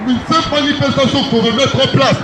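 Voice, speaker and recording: A man's voice: extremely high pitch, steady tone, brisk, over a noisy crowd. A man from France, an activist giving an impassioned outdoor speech at a protest, insistently repeating each key phrase. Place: outdoors on a city street. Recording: echoey street with loud background noise.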